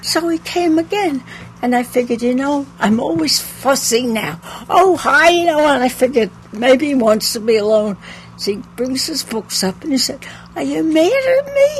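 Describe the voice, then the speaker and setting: Her voice is high and moves at a moderate pace as this elderly bookshop owner spins chatty stories for an interviewer, often laughing at them herself. A bit of hiss or hum runs through the poor-quality audio.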